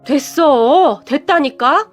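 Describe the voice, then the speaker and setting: Woman reading a worn-out, proud middle-aged mother; sighing, stubborn, pitched high, faint music behind. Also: expressive, slow pace. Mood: pleading.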